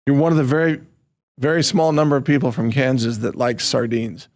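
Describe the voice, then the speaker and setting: A man's voice: mid-range voice, fairly quick, darkish tone. A man from the American Midwest, a podcast guest who explains things with an amused, incredulous edge. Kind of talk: casual conversation.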